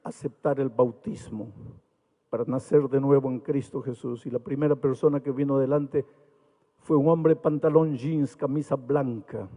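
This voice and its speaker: A man from Peru, a pastor, preaching an evangelistic sermon with impassioned rises and quiet storytelling. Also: medium pitch, fairly even intonation, normal speed. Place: large arena. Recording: long hall reverb.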